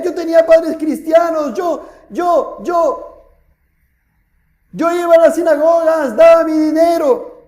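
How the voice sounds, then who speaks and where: A preacher voicing a desperate rich man in torment who shouts and pleads to be heard. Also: extremely high pitch, echoey room, pitched above the performer's own voice, heavily acted. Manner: shouting, pleading, self-justifying.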